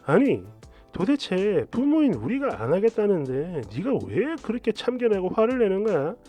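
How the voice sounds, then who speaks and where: A man's voice: high-pitched, sing-song, normal speed, mellow, faint music behind. A man voicing a young mother who scolds her friend in a firm, curt way.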